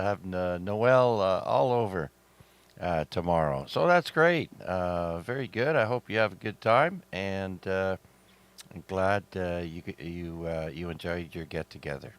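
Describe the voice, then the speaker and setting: A man's voice: deep voice, clean tone, dry recording. A middle-aged man from Canada hosting an amateur radio net, chatting easily with many fillers and a slightly sore throat. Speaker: net control host.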